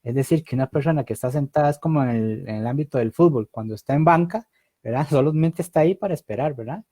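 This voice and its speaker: A man co-hosts a Bible discussion in a calm, measured way. His voice is mellow and mid-pitched, and the sound is dry. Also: no echo. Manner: measured, reads viewer messages aloud. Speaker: co-host.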